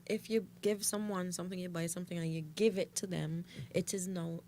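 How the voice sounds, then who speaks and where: A woman's voice: fairly low pitch, steady tone, fairly quick, warm tone, slight background noise. A woman co-hosting a casual panel show, giving opinions firmly and repeating her key points for emphasis. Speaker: talk show co-host.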